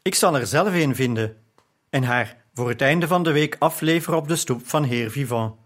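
A man's voice: medium pitch, normal speed, close to an everyday voice. A man reading a novel aloud, voicing a proud, defiant young woman scribe arguing with her father. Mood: pleading.

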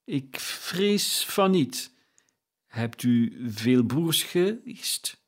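A man's voice: mid-range voice, big pitch swings, drawn-out words, full character voice. A man voicing a humbled, meek old miser who speaks timidly and submissively in a storybook reading.

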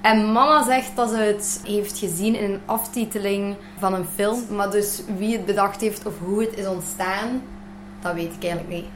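A young woman from Limburg, a student answering interview questions in a relaxed, thoughtful way with many fillers. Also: mid-range voice, moderate pace, slight background noise. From Belgian Limburg. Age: 20s. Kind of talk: casual interview.

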